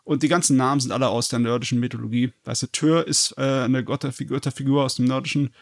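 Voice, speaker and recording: A man's voice: medium pitch, steady tone, quick pace, no echo, clean studio sound. A man co-hosting a podcast, commenting casually on the stories. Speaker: podcast co-host. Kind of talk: casual chat.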